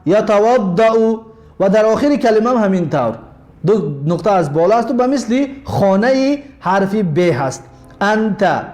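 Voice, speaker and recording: A man with a Tajik Persian accent teaching a language lesson, explaining slowly, repeating points and spelling words out. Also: high-pitched, big pitch swings, a little mellow.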